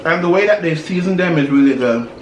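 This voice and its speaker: A young man with a high-pitched voice shares slangy gossip while chewing and eating. His talk is casual. The sound is roomy, with faint noise behind it. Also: expressive, fast. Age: young adult. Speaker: mukbang host. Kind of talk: casual celebrity gossip chat. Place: indoors at a table, dark backdrop.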